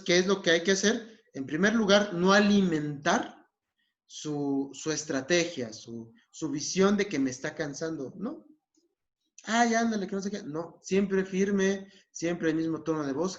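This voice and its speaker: A man with a Mexican Spanish accent and a fairly high, slightly bright voice works as a psychologist explaining a therapy technique in a recorded lesson. He often checks in with his listeners. The recording is dull and lo-fi.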